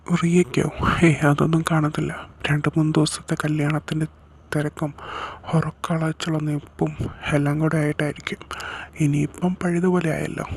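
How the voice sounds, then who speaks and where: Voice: mid-range voice, gravelly, slight background noise. A speaker acting out dialogue in an audio drama story, in a casual, conversational way. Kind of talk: acted dialogue in a fan-fiction audio story.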